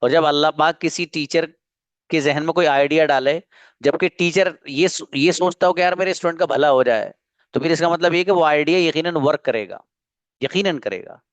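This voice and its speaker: A man's voice: fairly high pitch, moderate pace, no echo. A man teaching an online spoken English class, coaxing and earnest, often repeating himself.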